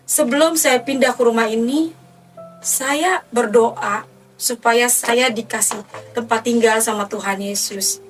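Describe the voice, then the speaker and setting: Woman quoting a gentle, reassuring neighbor lady. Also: fairly high pitch, steady tone, measured pace, distant mic, soft background music, natural voice.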